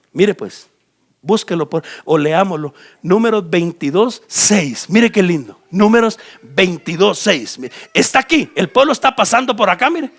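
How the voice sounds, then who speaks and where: A man from Guatemala with a Guatemalan accent, preaching a sermon as pastor and talking straight to his listeners while pointing at a map. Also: a little high. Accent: Guatemalan Spanish. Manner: animated, addresses listeners directly and points at a map.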